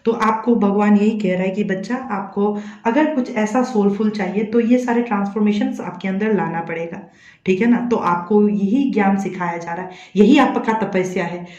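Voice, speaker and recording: A woman's voice: mid-range voice, moderate pace, darkish tone, reverberant, muffled recording. A woman speaks to viewers as a tarot reader and psychic medium, coaxing them along and checking again and again that they follow. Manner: coaxing, repeats a tag question to check the listener follows. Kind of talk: addressing viewers directly in a tarot reading.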